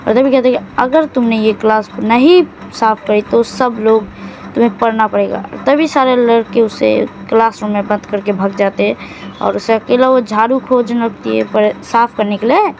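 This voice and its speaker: A woman's voice: a little high, fairly even intonation, moderate pace, creaky, darkish tone, a little hiss or hum, poor audio. Rambling woman retelling a drama plot. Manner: rambling, self-correcting, loose storytelling. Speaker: drama recap narrator. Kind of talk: casual Hindi plot recap.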